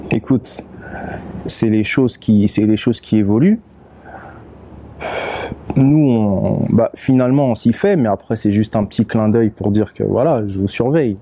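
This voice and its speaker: A man, a rapper and beatmaker, speaking as a guest in a casual interview, relaxed and unhurried, often pausing to search for his words. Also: lowish voice, slight background noise. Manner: relaxed, unhurried, with many fillers and restarts.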